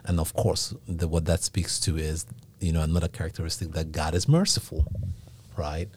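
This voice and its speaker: Deep, mellow-voiced Nigerian man. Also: fairly even intonation, normal speed, slight background noise. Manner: reflective, teaching, often ends with "right?". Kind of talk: casual faith discussion.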